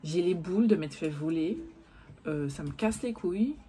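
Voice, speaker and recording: A woman's voice: on the low side, lively intonation, moderate pace, heavy background noise. A young woman talking casually to her viewers about makeup, rambling and cursing freely when annoyed. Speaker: beauty vlogger. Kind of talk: casual chat to camera.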